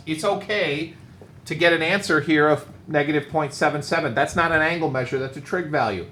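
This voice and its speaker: A man's voice: a little high, sharp tone. A male math teacher walking his class through problems in a direct, teasing way. His voice rings in an echoey classroom over faint background noise. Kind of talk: classroom lecture.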